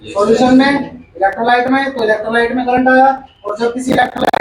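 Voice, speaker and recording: A man's voice: extremely high pitch, fairly even intonation, fast talker, very noisy. A male chemistry teacher gives a classroom lecture. He repeats each point and quizzes the class as he goes. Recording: echoey room, far from the mic.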